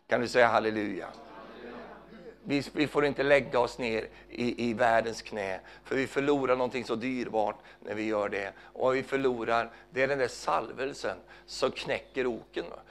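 Gravelly fervent man preaching a sermon. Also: medium pitch, fairly even intonation. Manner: fervent, calls out hallelujah, swings from loud to hushed.

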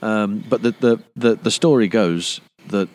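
A man hosting an interview in a jokey, theatrical way, prompting his guest and riffing on his stories. His voice sits somewhat low in pitch. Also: unhurried, darkish tone. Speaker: interview host. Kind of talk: lively interview chat.

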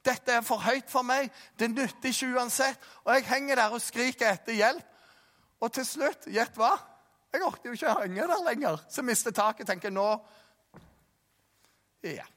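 A man with a Jæren accent preaching a sermon, animated, telling stories and acting out voices. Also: extremely high pitch. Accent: Jæren Norwegian. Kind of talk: sermon with storytelling. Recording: long reverb of a large hall.

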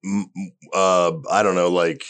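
Low-voiced comedian chatting loosely. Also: male voice, level tone, measured pace, fairly bright tone, clean tone. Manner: rambling, loose, swears casually. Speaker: stand-up comedian, podcast guest. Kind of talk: casual chat.

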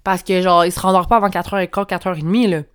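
A woman's voice: fairly low pitch, fairly even intonation, quick pace, smooth. A young Québécois woman talks into a clip-on mic at home, hosting her solo podcast. She sounds chatty and candid, swears freely, and laughs between thoughts. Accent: Québécois French. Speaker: podcast host. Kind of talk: casual solo podcast monologue. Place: room at home.

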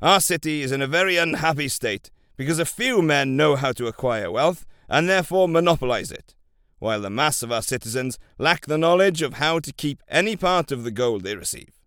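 A man voicing a commanding ancient king who speaks in a formal, regal way, louder and a little higher than his narration. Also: expressive, fairly quick, smooth, no room sound, studio quality. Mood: eager. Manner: demanding, regal.

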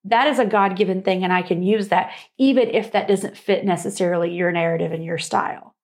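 Woman, creaky gravelly voice, earnest and reflective, faith-based talk co-host. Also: lowish voice, fairly quick, darkish tone.

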